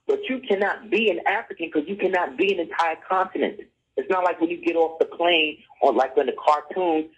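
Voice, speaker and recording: Middle-aged guy w/ husky voice, keeps asking if u follow, muffled lo-fi sound. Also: fairly high pitch. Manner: insistent, keeps asking "you see what I'm saying?". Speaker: guest. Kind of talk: conversational lecture. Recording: dull lo-fi audio.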